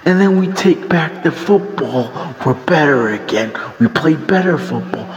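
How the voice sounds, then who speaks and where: A man's voice: fairly high pitch, animated, unhurried, dull audio, a crowd in the background. A man hosting a solo podcast, ranting in frustration and swearing constantly. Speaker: podcast host. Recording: roomy with long reverb, faint noise.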